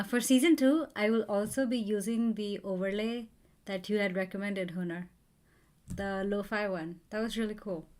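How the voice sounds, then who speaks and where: A woman live-streaming a coding session, thinking aloud and chatting with viewers as she works. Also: mid-range voice.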